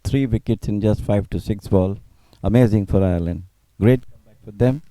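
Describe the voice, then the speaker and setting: A male cricket commentator offers expert analysis in a conversational way. His voice is lowish and very dark and soft-edged, recorded close and dry. He is agreeable and emphatic, with simple non-native phrasing. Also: fairly quick, dry recording, rough recording.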